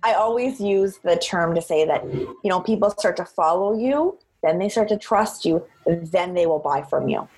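An outgoing woman chats in an interview. Her voice has a husky edge, and she leans on repeated phrases to press her points. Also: on the low side, lively intonation, moderate pace, darkish tone, poor audio. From Cape Breton, Canada. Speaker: interview guest, social media marketer. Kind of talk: conversational interview.

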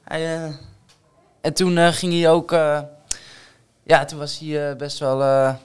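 A man's voice: on the high side, steady tone, a little slow, clean tone. A young man, a student presenter, introducing classmates and casually telling a story from his internship.

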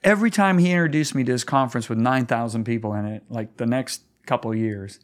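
A man's voice: medium pitch, fast talker. Pastor guy being interviewed, earnest, lots of stammered restarts. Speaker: guest pastor. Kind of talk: conversational interview.

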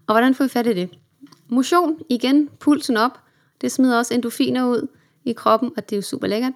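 A woman's voice: fairly high pitch, a little mellow. A young woman hosting her own self-help podcast, chatting in an upbeat way and slipping English words into her talk. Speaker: podcast host.

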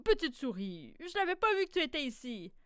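A woman voicing a chilly, polite male hare in a children's storybook, talking in a quick, friendly way. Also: high-pitched, sing-song, fairly bright tone, dry recording, studio quality, pitched above the performer's own voice.

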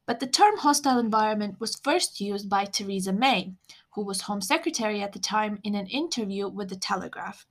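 A young woman hosting a scripted podcast, explaining in a measured way with wry asides. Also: mid-range voice, lively intonation. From Lithuania. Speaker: podcast host.

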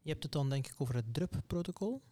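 A man's voice: fairly high pitch, expressive, fast talker, dark tone. A man with a Dutch accent, interviewing on a podcast and asking tentative follow-up questions. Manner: tentative, checking understanding.

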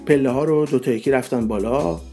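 A man reading a story aloud, changing his pitch for each character and dropping low for the narration, with faint music underneath. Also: vocal fry, mellow. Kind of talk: storybook reading with acted voices.

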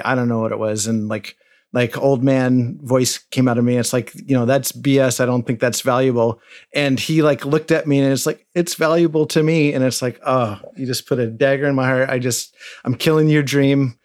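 A man's voice: mid-range voice, moderate pace. Rambling middle-aged man on a podcast. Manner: rambling, animated storytelling. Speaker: podcast host. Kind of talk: casual chat.

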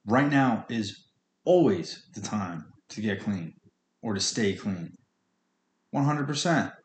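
Echoey, low-voiced man, blunt and earnest. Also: expressive, takes it slowly, a little hiss or hum. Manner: blunt, earnest, sweary, colloquial. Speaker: podcast host speaking on addiction recovery. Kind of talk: informal motivational monologue.

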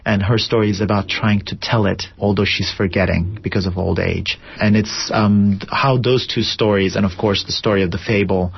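A man's voice: fairly low pitch, steady tone, moderate pace, vocal fry, few pauses, slightly rough, dry recording. A man from Turkey, a theater director, answering interview questions in a thoughtful, reflective way with many fillers. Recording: dull lo-fi radio broadcast.

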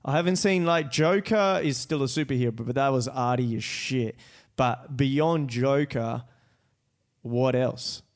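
A man's voice: mid-range voice, measured pace. A man hosting a casual film chat, slangy and sweary, often repeating his words. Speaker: podcast host.

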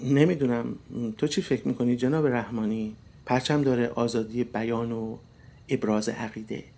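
A man voicing a sharp-tongued wife who needles and mocks her husband in a dry tone. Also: fairly even intonation, vocal fry. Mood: needling. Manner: dry, mocking, turns shrill and scolding.

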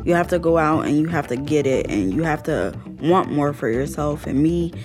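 A woman's voice: deep voice, lively intonation, normal speed. A young woman telling her own story in an interview, candid and casual, using slang and laughing often. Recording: faint music underneath.

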